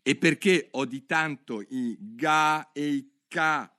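A man's voice: a little high, takes it slowly, sharp tone, voice pushed up. A man voicing a polite, precise little girl in a storybook reading. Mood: earnest. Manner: earnest, precise.

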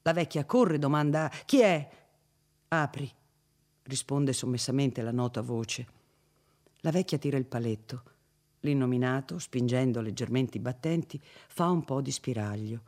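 A man's voice: mid-range voice, moderate pace, a little mellow. Man reading a classic novel aloud. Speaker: audiobook narrator. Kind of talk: literary reading.

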